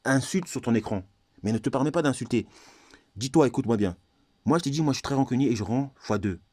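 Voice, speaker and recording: A man's voice: medium pitch, animated, fast talker, darkish tone, dry recording, clean studio sound. A man from Congo, ranting to camera to his viewers in a heated, insistent way and repeating himself. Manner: heated, insistent, repeats phrases, often talks straight to viewers. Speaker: YouTuber.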